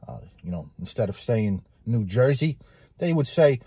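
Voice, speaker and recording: A man with a somewhat husky, mid-pitched voice hosts a casual food review vlog. He talks eagerly and says his key phrases twice for emphasis. The sound is dry and close, with no room around it. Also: very animated, moderate pace, warm tone, dry recording. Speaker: pizza reviewer and host.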